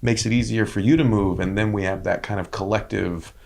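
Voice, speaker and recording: A man with a somewhat low voice hosts a casual interview. He gets excited, laughs, lets a swear word slip, and explains things at length to listeners. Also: fairly quick, creaky. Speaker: interviewer, host.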